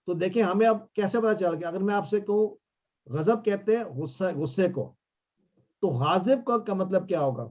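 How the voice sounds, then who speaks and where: A man teaching a class, drilling phrases slowly and quizzing his students. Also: sits high, lively intonation, darkish tone, lo-fi sound. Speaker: Arabic teacher.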